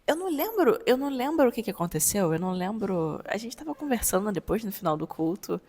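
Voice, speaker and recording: A woman's voice: mid-range voice, very animated, fast talker, a little mellow, in a large hall. A young Brazilian woman giving an emotional personal testimony, often repeating words and speaking directly to her viewers. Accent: Brazilian Portuguese.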